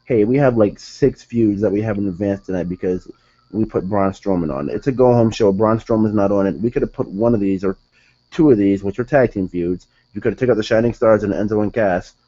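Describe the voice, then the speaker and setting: Young man, low and mellow voice, rambling casual review, self-correcting, slightly muffled lo-fi sound. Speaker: wrestling show reviewer. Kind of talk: casual solo review commentary.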